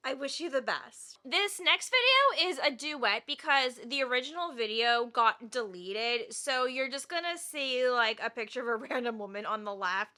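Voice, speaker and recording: A woman's voice: sits high, expressive, moderate pace, hardly any pauses, sharp tone. A young woman hosting a reaction video, ranting in an exasperated, casual way.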